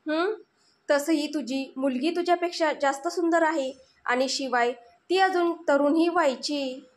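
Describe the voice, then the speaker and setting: A woman's voice: high voice, unhurried. A woman reading a sneering gang villain. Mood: sneering menace. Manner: threatening, sneering. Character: menacing grown man, cruel gang villain.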